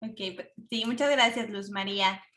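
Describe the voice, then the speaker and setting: A woman moderating an online panel, thanking a participant and adding her own measured remarks. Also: mid-range voice, sharp tone. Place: video call. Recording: echoey room.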